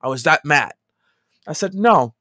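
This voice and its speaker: A man in his thirties, a podcast co-host, telling a story in casual chat, animated and swinging from loud outbursts to quiet asides. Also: on the high side, moderate pace, no echo, studio quality.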